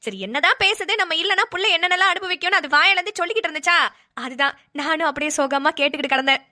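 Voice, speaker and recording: Woman doing a shrill teasing old grandmother. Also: very fast, sharp tone, full character voice. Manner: teasing, playful, rustic. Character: mischievous elderly grandmother who fakes fainting. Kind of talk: cartoon voice acting.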